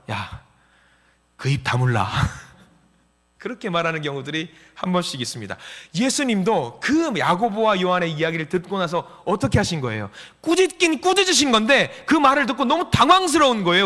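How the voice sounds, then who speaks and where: A bright, high-pitched man preaching a lively Sunday sermon, his voice leaping up and down as he swings from shouted lines to near-whispers. He acts out the sighs and voices of the people he quotes. His voice rings with long reverb in a church hall. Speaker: pastor. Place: church sanctuary.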